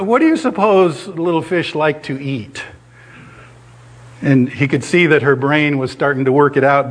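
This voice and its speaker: A man's voice: fairly high pitch, a bit bright. A middle-aged man preaching a sermon in a conversational way, telling a story with restarts and fillers and acting out the voices in it.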